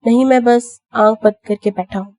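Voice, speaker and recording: A protective young husband with a soft, teasing manner in a storybook reading, as a woman reads his lines. The voice is mellow and dark, recorded dry and close. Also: on the high side, steady tone, no echo.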